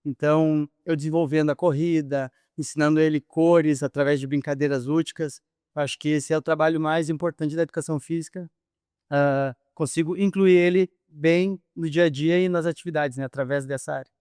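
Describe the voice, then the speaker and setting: A man's voice: a little high, steady tone, brisk, darkish tone, clear, resonant tone, no room sound, studio quality. A man, a physical education teacher, answering interview questions in a thoughtful, hesitant way with many fillers.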